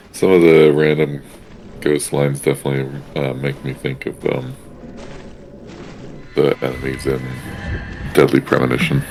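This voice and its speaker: A man's voice: a bass voice, little pitch movement, unhurried, creaky, pauses often, a little mellow, a little hiss or hum. A man streaming a game and chatting casually, cracking crude jokes and laughing easily. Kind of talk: casual chat while gaming.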